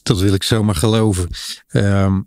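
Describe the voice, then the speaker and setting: A man hosting a podcast interview, asking questions hesitantly and filling pauses with many filler sounds while he searches for words. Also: fairly low pitch, steady tone, a little mellow, no room sound, studio quality. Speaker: podcast host.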